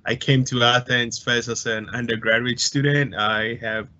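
A man introducing himself on a panel over a video call, halting with many fillers and restarts. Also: mid-range voice, fairly even intonation, sharp tone. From Ghana. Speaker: panelist, IT staff. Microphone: video call webcam. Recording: muffled video-call audio.

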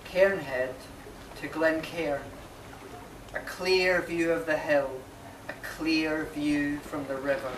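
A man in his thirties, a poet, gives a measured, slow recital of his own poems at a live reading in a marquee, pausing between short phrases. His voice is a little high, steady and somewhat bright. A camera mic a few metres away records him, leaving the audio distant, echoey and noisy.

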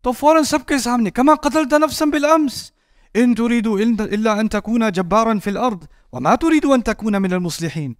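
On an indoor stage with a patterned backdrop, a forties-aged preacher moves and gestures widely at a moderate pace, acting out the voices of people in his story and climbing high for a shout. He wears a headset mic, and the recording is dry and clean, like a studio.

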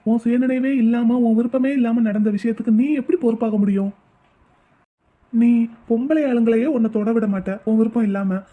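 A woman voicing a gentle, devoted young man who coaxes and comforts his wife in an amateur audio drama. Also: fairly high pitch, fairly even intonation, brisk, narrow, tinny audio, close to an everyday voice. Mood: soothing. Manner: soothing, coaxing.

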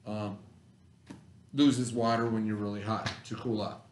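A middle-aged male elementary teacher, his voice on the low side with a steady tone and measured pace, teaches a remote read-aloud vocabulary lesson to children from an indoor classroom. He keeps explanations simple, repeats key terms, and checks understanding with short tags over slight background noise.

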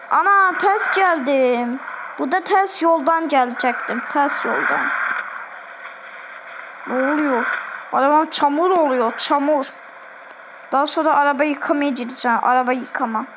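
A woman's voice: high voice, background noise. A woman with an Azerbaijani accent giving chatty, repetitive gameplay commentary and keeping up a running talk with her viewers. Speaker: gaming video host.

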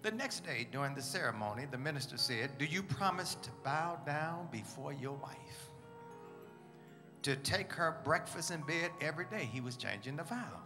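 A man's voice: a little high, expressive, normal speed. A man preaching as pastor, leading the congregation in call-and-response and telling jokes between announcements. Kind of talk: church announcements and sermon humor. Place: church sanctuary. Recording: reverberant church hall with music.

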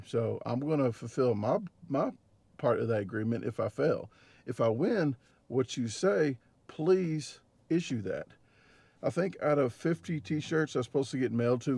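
A man's voice: medium pitch, gravelly, a little mellow, dry recording. A man in his forties with a Midwestern American accent, chatting casually to a dash-mounted camera in his parked car, rambling with lots of fillers and restarts. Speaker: vlogger and competitive eater. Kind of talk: casual vlog talk to camera. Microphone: camera mounted on dashboard.

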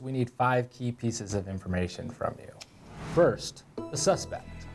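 Standing next to a whiteboard in an indoor room, with music behind him, a conservation officer in his thirties delivers a scripted how-to presentation. He has an American accent and a medium-pitched voice with a darkish tone.

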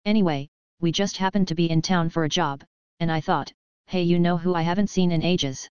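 A woman's voice: on the low side, steady tone, fairly quick, a little mellow, clear, resonant tone, dry recording, highs cut off, natural voice. A woman doing a jovial hulking mercenary. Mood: breezy menace. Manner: jokey, overfamiliar, menacing charm. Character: big boisterous jovial male mercenary.

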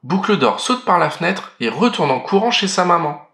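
Man narrating a children's storybook, slightly high voice, echoey room. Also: big pitch swings, normal speed, creaky, pushed and bright. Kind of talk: storybook read-aloud for children. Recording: roomy echo.

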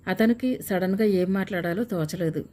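A woman narrating a story in a calm, steady reading voice. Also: mid-range voice, normal speed. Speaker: audiobook narrator.

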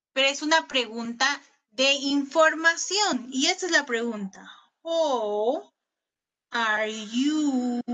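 Woman, Peruvian Spanish accent, English teacher, high voice, asks the class questions. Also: pushed and bright. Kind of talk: recorded online class.

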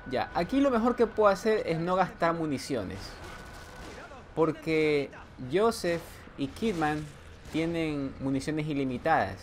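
A man giving joking running commentary while playing a horror game. He teases the character on screen and now and then lets out a sudden yell. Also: a little high, lively intonation, measured pace, slight background noise. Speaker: gameplay commentator. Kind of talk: let's play commentary.

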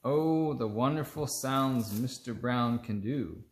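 Woman, picture-book read-aloud, slow pace, playful and expressive, echoey home recording. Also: very deep voice. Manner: playful, expressive, acts out sound words. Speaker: storytime reader. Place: indoors, seated close among children.

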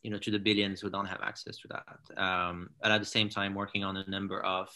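A man in his thirties from Morocco, a founder talking in a casual interview over a video call from his living room, halting with many fillers and restarts. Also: deep voice, flat delivery, sharp tone. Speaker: founder and CEO, guest. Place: home living room with large window. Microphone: laptop or webcam on a video call.

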